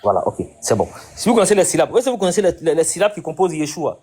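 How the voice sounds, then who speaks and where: A man's voice: on the high side, sing-song, racing, a little mellow, breathy edge. A man hosting a debate, insistently questioning his guest and repeating his points. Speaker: debate host. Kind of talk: live debate conversation.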